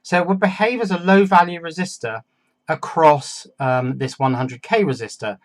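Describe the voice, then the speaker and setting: At a normal speed and in a fairly high voice, an electronics hobbyist gives a casual, hands-on demonstration, thinking aloud and talking to himself as he works.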